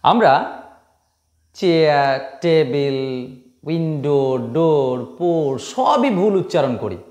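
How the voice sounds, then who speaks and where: A man's voice: fairly high pitch, animated, darkish tone, echoey room, highs cut off. A man from Bengal teaching English pronunciation, repeating each word emphatically to drill it. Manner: emphatic, repeats words slowly to drill them. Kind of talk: pronunciation lesson.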